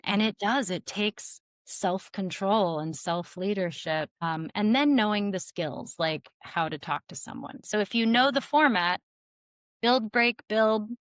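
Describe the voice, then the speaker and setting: Animated woman coaching on relationships. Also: medium pitch, a little slow, hardly any pauses, no echo. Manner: animated, acts out quotes with lots of "like". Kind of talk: casual podcast interview.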